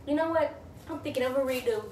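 A young woman vlogging, talking loudly in playful, protesting banter with her cousin. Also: high-pitched, fast talker, a little hiss or hum. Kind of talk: casual challenge vlog. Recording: echoey room from a distance.

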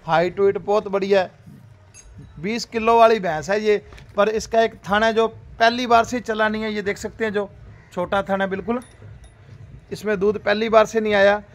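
A man, hosting a dairy farm video, giving a repetitive, upbeat livestock sales pitch outdoors in a cattle yard, recorded on a handheld phone. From Rajasthan, India.

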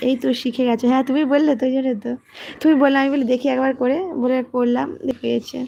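A woman, hosting a casual livestream, reading comments and talking softly and quietly. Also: steady tone, fast talker, gravelly, lo-fi sound, slight background noise. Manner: soft, low-volume talk, as her daughter is studying. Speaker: livestream host.

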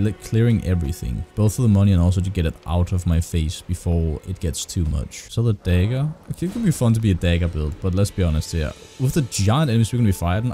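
Man, lowish mellow voice, casual profane game commentary, excitable, heavily compressed close mic, music behind. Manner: excitable, exclaiming, talks to himself and the game. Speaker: gaming video host.

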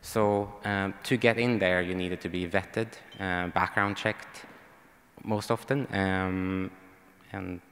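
On a big hall's stage, a young man from Sweden gives a panel talk into a handheld microphone in a low, fairly bright voice, speaking slowly with fairly even intonation. His Swedish accent comes through, he hesitates with many ums and restarts, and long reverb trails his words.

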